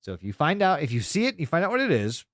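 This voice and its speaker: A fast-talking man with a slightly high voice and wildly swooping pitch co-hosts a podcast. In casual chat recapping a web horror series, he is informal, emphatic and swears plenty, captured in a dry, studio-quality recording.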